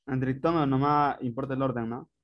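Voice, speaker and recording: A man's voice: medium pitch, fairly even intonation, fairly quick, reverberant, distant mic, muffled recording. A male student who asks the teacher hesitant questions during class.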